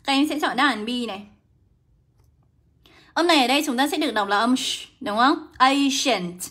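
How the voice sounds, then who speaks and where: A young woman teaching English in a live online lesson, brisk and coaxing, greeting viewers by name. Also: high-pitched, lively intonation, pushed and bright, husky. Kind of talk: livestream lesson.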